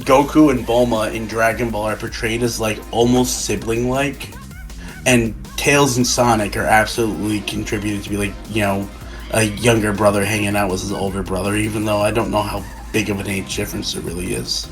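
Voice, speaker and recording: A man's voice: lowish voice, fairly even intonation. Drunk man rambling over music. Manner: rambling, halting, repeats and restarts phrases. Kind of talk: casual rambling fan discussion.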